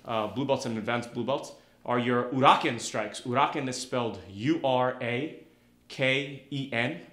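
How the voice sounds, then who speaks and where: A man teaching a karate class, calling out counts and techniques and shouting kiai. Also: medium pitch. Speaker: karate instructor. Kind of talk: instructional class video. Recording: echoey room.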